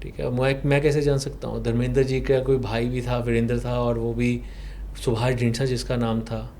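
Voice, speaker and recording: A past life regression therapist whose first language is Punjabi recounts a client's session during a podcast interview. His mid-range, darkish voice barely moves in pitch, and he explains slowly, posing rhetorical questions. There's slight background noise.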